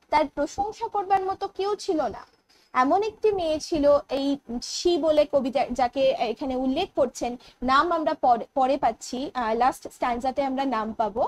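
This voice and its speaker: A woman with a Bengali accent teaching an English poetry lesson online, explaining in Bengali mixed with English terms and reading the poem's lines slowly. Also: sits high, a little hiss or hum, low-quality recording. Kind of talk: online exam-prep lecture.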